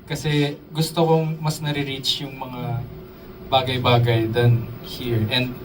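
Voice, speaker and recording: A man's voice: mid-range voice, level tone, takes it slowly, noisy background. A man teaching a drum workshop, chatting casually and quizzing his audience. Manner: casual, asks the audience questions, code-switches with English terms. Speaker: drum instructor. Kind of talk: live drum workshop talk. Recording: voice distant from the mic, drums in the room.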